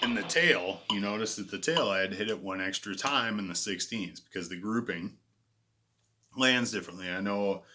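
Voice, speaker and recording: A man giving a casual guitar lesson in a relaxed, self-deprecating way, calling out frets and counting beats. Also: lowish voice, normal speed. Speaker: guitar teacher. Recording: loud guitar playing behind the voice. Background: electric guitar.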